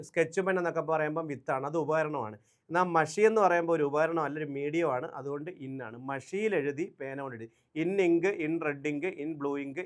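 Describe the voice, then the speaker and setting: A man teaching English grammar to exam candidates in a Malayalam online lesson, reading out word lists, asking the class quick questions and speaking English with a Malayali accent. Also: fairly high pitch. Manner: drills words aloud in lists, asks the class quick questions.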